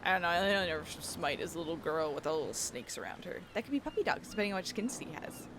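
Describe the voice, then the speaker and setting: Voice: medium pitch, very animated, rapid-fire, noisy background. A let's play host giving casual, joking commentary over a horror game. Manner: joking, chatty asides.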